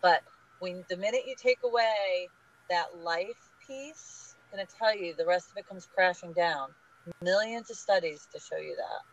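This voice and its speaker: Upbeat woman guest handing out advice on a podcast, muffled low-fi audio. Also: normal speed. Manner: energetic, emphatic, advice-giving. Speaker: guest, small business group leader. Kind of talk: casual podcast interview. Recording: dull lo-fi audio.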